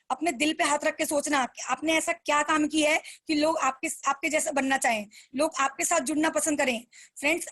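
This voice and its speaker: A woman with a high voice delivers a motivational talk to her business team. She speaks earnestly and coaxingly, calling the listeners friends. She slows down to repeat her key lines for emphasis. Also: a bit bright.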